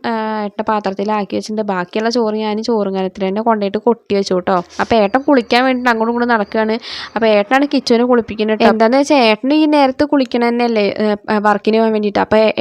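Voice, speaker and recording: A woman in her thirties with a Malayali accent, slightly hoarse, chatting through a morning cooking vlog in her kitchen. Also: fairly high pitch, no echo. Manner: chatty, ends phrases with a soft "tto". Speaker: family vlogger. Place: home kitchen.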